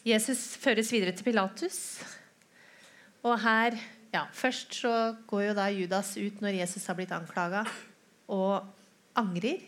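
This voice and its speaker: Woman preacher telling the story in a sermon, talks right to the listeners, mid-pitched voice. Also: fairly even intonation, fairly bright tone. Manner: storytelling, lifts voice to act out quoted lines; asides to the listeners. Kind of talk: sermon retelling a scripture story.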